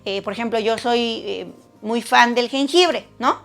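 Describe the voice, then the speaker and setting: A high-pitched woman with a gravelly, creaky edge, preaching to women in a chatty, animated way. She slips in and out of the voices of the people she quotes. Faint music plays underneath. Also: a little slow. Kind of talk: conversational sermon.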